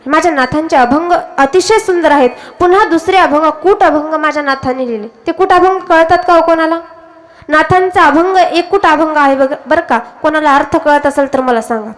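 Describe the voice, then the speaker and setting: A woman's voice: high-pitched, moderate pace. A woman with a Marathi accent preaching a devotional kirtan sermon, telling stories and putting questions to the audience. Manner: storytelling, questions the audience directly.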